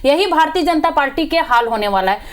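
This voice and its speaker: In a heated political debate, a woman with a very high voice and a Chhattisgarhi accent argues combatively and insistently, repeating phrases to hammer her points home like a party spokesperson on a panel. Her intonation is lively and her pace a little fast.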